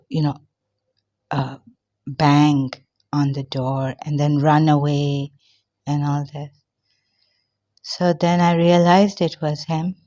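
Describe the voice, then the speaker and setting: An older woman from Pakistan telling a personal story in a halting way, with many fillers and pauses, a little out of breath. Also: deep voice, a little mellow. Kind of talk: personal testimony monologue.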